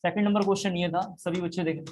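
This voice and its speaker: A man's voice: high-pitched, fairly even intonation, racing, darkish tone, slight background noise. A man teaching a chemistry class, explaining step by step and repeating key points. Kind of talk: classroom lecture.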